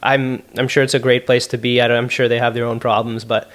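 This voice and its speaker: A man's voice: medium pitch, level tone, brisk, a bit bright. Joking, rambling young Canadian man. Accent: Canadian English. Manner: rambling, jokey, sarcastic asides. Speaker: podcast host. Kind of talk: solo podcast Q&A, casual chat. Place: apartment room at home.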